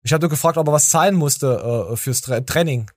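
A man's voice: a little high, a little fast, no room sound, clean studio sound. A tired man hosting a podcast, rambling and joking with stammering restarts. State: tired from little sleep. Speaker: podcast host. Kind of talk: casual chat.

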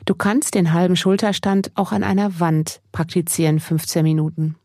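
Female sleep meditation narrator for a mindfulness podcast: mellow, dark timbre, slightly husky, gentle and unhurried, close dry sound. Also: on the low side, steady tone, no room sound. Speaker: podcast host, mindfulness coach.

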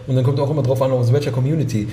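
A man's voice: medium pitch, steady tone, very fast, warm tone, roomy sound. A man co-hosting a casual talk show, hesitant and searching for words with many restarts. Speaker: podcast co-host. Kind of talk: casual discussion.

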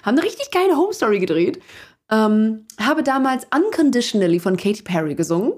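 Young woman, interview guest: casual, animated, laughing storyteller. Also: a little high, brisk. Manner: chatty and lively, many fillers, laughs while telling. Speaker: guest, singer.

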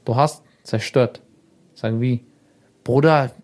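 Young man, radio guest, animated storyteller, acts out quotes, casual chat. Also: mid-range voice, brisk.

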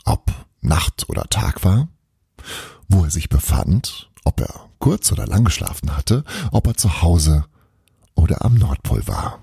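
A man reading a children's Christmas story aloud as a podcast storyteller, in a calm, lively read-aloud manner. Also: deep voice, creaky, husky, no echo, studio quality. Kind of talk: scripted storybook narration.

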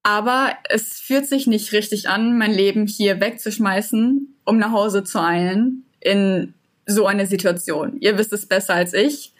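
A woman's voice: mid-range voice, steady tone, a little slow. A young woman from Germany, a guest in a casual interview, talking earnestly in long flowing sentences. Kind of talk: casual conversation.

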